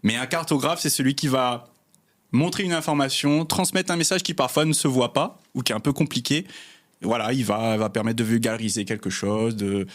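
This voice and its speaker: Relaxed man. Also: medium pitch, fairly quick. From Réunion. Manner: relaxed, many fillers, laughs easily. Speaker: guest, cartographer. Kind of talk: casual interview chat.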